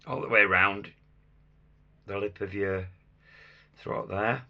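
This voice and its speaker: A man with a croaky, hoarse voice giving a casual hands-on craft demonstration, muttering small asides to himself as he works. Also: lowish voice, takes it slowly, dull audio. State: hoarse after a chest infection. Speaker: craft tutor demonstrating sugar flowers.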